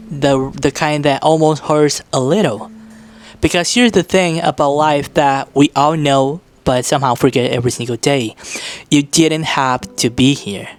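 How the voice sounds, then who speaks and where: A man from Brazil giving an earnest, reflective vlog monologue, slowing down on key phrases. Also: a little high. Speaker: vlogger.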